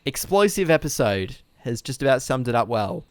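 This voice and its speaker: A man's voice: mid-range voice, big pitch swings, moderate pace, no room sound, studio quality. A man co-hosting a casual comedy film podcast, reading out ratings with a playful, teasing manner and laughing along. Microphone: podcast mic, remote recording.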